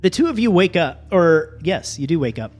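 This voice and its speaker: A man's voice: fairly high pitch, big pitch swings, moderate pace. A man narrating a tabletop fantasy game as game master, describing scenes and asking players what they do. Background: music.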